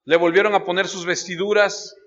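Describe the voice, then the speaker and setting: A man preaching an expository Bible study sermon, reading scripture aloud and speaking straight to his listeners, dropping low for emphasis. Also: level tone, fairly quick, a bit bright, in a large hall, lo-fi sound. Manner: reads scripture aloud, then addresses listeners directly. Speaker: pastor. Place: church.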